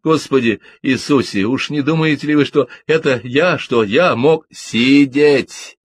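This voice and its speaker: A man's voice: medium pitch, a little hiss or hum, pitched above the performer's own voice, lightly acted. A man reading an audiobook, voicing a nervous young male medical student who talks hurriedly. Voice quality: flustered, hurried.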